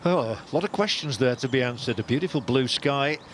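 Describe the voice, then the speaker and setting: A man's voice: mid-range voice, animated, fairly quick. A man presenting as lead golf commentator, conversational and inclined to put questions to his colleagues.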